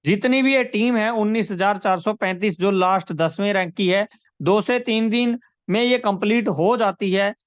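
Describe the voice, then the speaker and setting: A man giving a persuasive sales pitch on a video call, repeating numbers and calling listeners friends. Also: normal speed, no room sound. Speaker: presenter of a money scheme. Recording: dry, dull lo-fi call audio.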